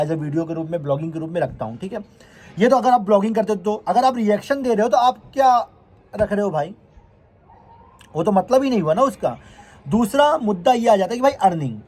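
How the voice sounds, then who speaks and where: A male vlogger with a high, dark-toned voice delivers a heated, confrontational rant directly to his viewers, scolding his critics again and again.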